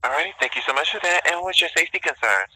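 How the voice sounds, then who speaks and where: A man's voice: fairly high pitch, expressive, very fast, bright, forceful tone. A man working a support line, reading polite scripted lines with many fillers, heard over a tinny phone line. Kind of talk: customer service phone call.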